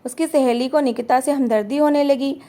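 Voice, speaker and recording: High-voiced woman narrating a family story. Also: steady tone, a little fast, mellow.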